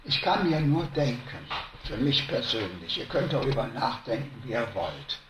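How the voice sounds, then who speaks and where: A man preaching a sermon to a congregation, slow and emphatic, rising to loud stresses and dropping to hushed lines. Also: medium pitch, sing-song, echoey room, noisy background.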